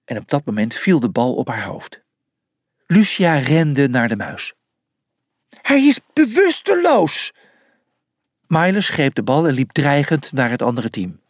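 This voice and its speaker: A storyteller reading a children's animal adventure aloud with lively expression. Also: mid-range voice, moderate pace, dry recording, studio quality.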